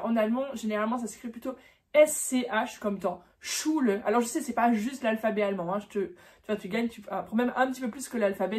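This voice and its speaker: A woman talks through a casual lesson in a fairly high voice. She demonstrates sounds slowly, repeats each word and fills pauses with hesitations. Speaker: German teacher.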